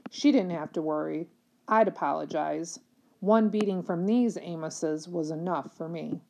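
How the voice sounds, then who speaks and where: Reader: woman, lowish voice, steady read-aloud of a children's novel. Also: a little slow, gravelly.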